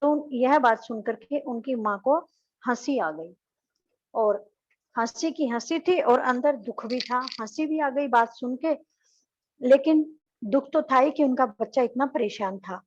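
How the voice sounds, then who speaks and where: A woman's voice: sits high, animated, unhurried, highs cut off. A woman teacher explains a textbook story to her class. She retells each passage in simpler words and repeats lines.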